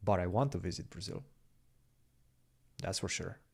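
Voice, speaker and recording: A deep, gravelly, husky male voice at a moderate pace belongs to a young chess stream co-host whose first language is Romanian. He reads chat, chats with viewers and thinks aloud over moves during casual game commentary.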